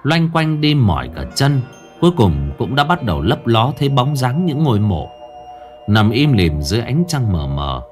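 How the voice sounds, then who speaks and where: A man narrating a ghost story in a lively, suspenseful storytelling manner. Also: mid-range voice, normal speed. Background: faint background music.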